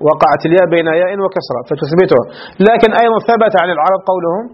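A male teacher explaining a classical grammar text line by line, often pausing to check that his students follow. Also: high voice, animated. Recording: muffled lo-fi recording.

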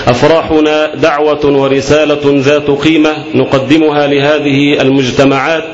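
A man delivers formal Standard Arabic oratory as master of ceremonies. His pitch stays level and his phrasing is rhetorical. The recording is dull and echoey, with a crowd audible. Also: little pitch movement, moderate pace. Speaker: master of ceremonies at an Islamic wedding event.

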